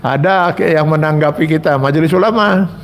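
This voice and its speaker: A man speaks as a cleric at a religious lecture, his voice gravelly and pitched a little high. He tells personal stories in an earnest way and keeps turning to his listeners. A faint hiss sits under the recording. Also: normal speed. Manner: earnest storytelling that addresses the audience directly. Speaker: Islamic cleric.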